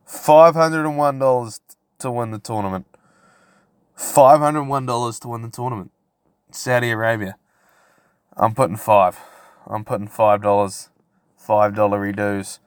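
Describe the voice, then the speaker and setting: Male podcast host, middling pitch, brash frat-bro banter, profane and provocative, casual solo rant, dry recording. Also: steady tone, unhurried, long pauses, clear, resonant tone, no echo.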